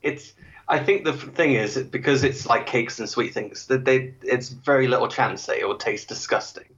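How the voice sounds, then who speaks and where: A man's voice: mid-range voice, moderate pace, a bit bright. Easygoing man on a dull-sounding mic. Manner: easygoing, hesitant, laughs along, seeks agreement. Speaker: podcast co-host. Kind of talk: casual chat reviewing a baking show.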